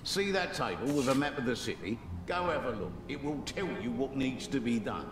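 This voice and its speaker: A blunt, plain-spoken innkeeper from a dark fantasy game, acted by a man. His middle-aged voice swings freely in pitch as he lays things out matter-of-factly. It sounds roomy and set back, over clear background noise. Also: lively intonation, fairly quick, natural voice. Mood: blunt, urgent. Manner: blunt, matter-of-fact storytelling. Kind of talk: scripted game dialogue. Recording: roomy, distant, noisy game ambience.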